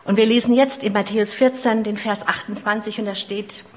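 Middle-aged woman preacher, mid-pitched voice, sermon delivery that swings from emphatic to hushed. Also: fairly even intonation, fairly quick. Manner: storytelling, with personal asides and shifts between loud and hushed.

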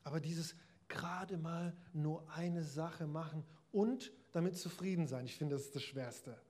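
A man's voice: fairly high pitch, a little slow, a little mellow. A man preaching a sermon in a conversational way, addressing his listeners directly.

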